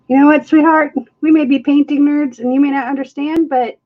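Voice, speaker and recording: On phone-quality audio, a high-pitched woman hosts a live fluid art stream. She keeps the demo chat casual, makes self-deprecating jokes, and laughs often, filming in an art studio with the camera overhead on the table.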